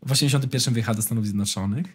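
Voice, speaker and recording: A young man with a slightly husky voice trades casual banter on a podcast. He reads things aloud, jokes, and curses now and then. His voice sits at an average pitch. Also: very fast. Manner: banters and swears, reads out search results. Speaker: podcast co-host. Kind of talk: casual chat.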